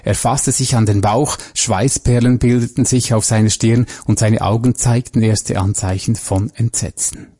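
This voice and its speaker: A man reading a crime story aloud in a measured, even way. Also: on the low side, husky. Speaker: narrator. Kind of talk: scripted story narration.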